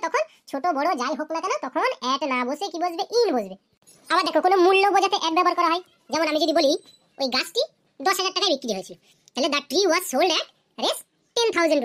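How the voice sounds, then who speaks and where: A woman's voice: very high voice, fairly bright tone. A woman voicing a patient female cartoon teacher in a children's grammar lesson, who asks the class questions and then answers them herself.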